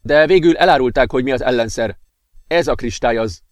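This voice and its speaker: A man voicing an earnest young male companion who explains things in a calm way. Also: medium pitch, no room sound, close to an everyday voice.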